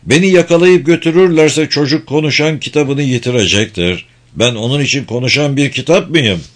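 A man voicing a bitter, lonely old man who talks to himself in a low, brooding way in an audiobook. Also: a little fast, close to an everyday voice.

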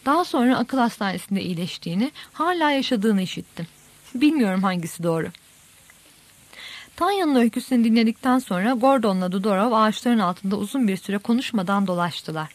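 A woman narrates an audiobook in a steady, measured manner. Her voice sits fairly high, recorded close and dry with no room sound. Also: no echo. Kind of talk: audiobook reading.

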